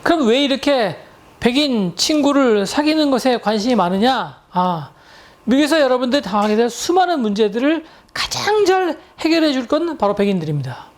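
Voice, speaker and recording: Woman English tutor from Korea, fairly high voice, chatty storytelling lecture style with English words mixed in. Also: big pitch swings, moderate pace.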